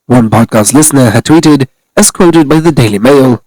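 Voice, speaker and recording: A man's voice: medium pitch, moderate pace, a little mellow, dry recording, rough recording. A man narrating a scripted celebrity news commentary, reading steadily from articles.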